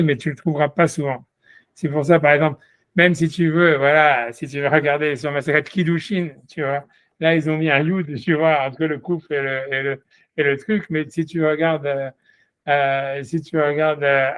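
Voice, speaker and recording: A man's voice: a little high, steady tone, normal speed, no room sound. A man teaching Talmud one-on-one, explaining patiently with many repetitions and restarts. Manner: explains patiently, repeats "tu vois" often, hesitant restarts. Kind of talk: one-on-one study session.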